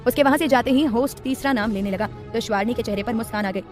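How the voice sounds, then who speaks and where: A woman narrating a romance audiobook in brisk, even storytelling. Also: a little high, faint music behind. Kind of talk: scripted narration.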